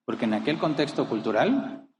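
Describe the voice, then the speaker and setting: A man's voice: mid-range voice, lively intonation, moderate pace, big-room sound, background noise. A man preaching a sermon as a pastor, emphatic, rising and falling, asking rhetorical questions. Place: church.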